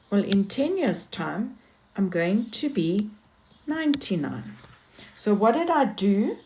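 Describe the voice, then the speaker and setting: A woman's voice: mid-range voice, a little mellow, slight background noise. A woman teaching maths, talking patiently through each step of a worked example and repeating key points.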